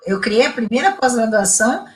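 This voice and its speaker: A woman's voice: fairly high pitch, brisk. A middle-aged woman from Brazil, an integrative therapist telling stories emphatically in a casual interview. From Rio Grande do Sul, Brazil. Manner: animated, emphatic storytelling with repetitions.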